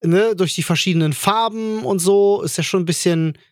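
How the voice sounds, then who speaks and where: A man's voice: high voice, moderate pace, no echo, clean studio sound. A man co-hosting a casual podcast chat in slangy, colloquial speech, often searching for words. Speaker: podcast co-host.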